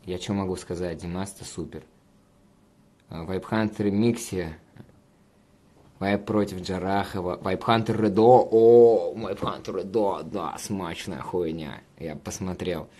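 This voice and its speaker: A man with a fairly low voice hosts a relaxed livestream, reading out viewer comments. He rambles and curses freely, teasing the audience as he goes. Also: measured pace. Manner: profane, rambling, banter with viewers. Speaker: livestream host reading chat. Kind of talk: casual livestream chat.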